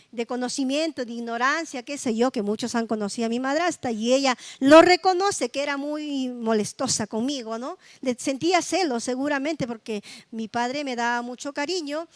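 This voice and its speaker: Her voice high, a middle-aged woman pastor delivers her sermon like a testimony shared in conversation, often checking with the congregation through tag questions. The sound is close and dry, carrying little echo from the room.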